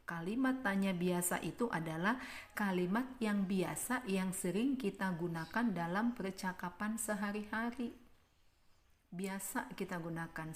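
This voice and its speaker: A woman teaching a primary school class in a recorded remote lesson, explaining slowly and repeating points for the children. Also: medium pitch. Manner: slow, repetitive explanations addressed to children. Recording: echoey room.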